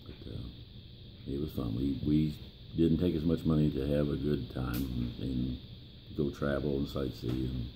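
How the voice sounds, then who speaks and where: An elderly American man with a gravelly old voice, reminiscing in a plain-spoken, halting way in an interview. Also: rumbling low, steady tone, background noise. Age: 70s or older. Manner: plain-spoken, halting, pausing mid-phrase. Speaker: interviewee, grandfather.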